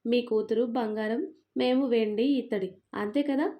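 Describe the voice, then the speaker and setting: A middle-aged mother with a sharp, sarcastic tongue and a loving heart underneath, as a woman puts her on. Her voice is somewhat high but warm and mellow, and it scolds in a storybook telling. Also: moderate pace, close to an everyday voice. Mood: scolding.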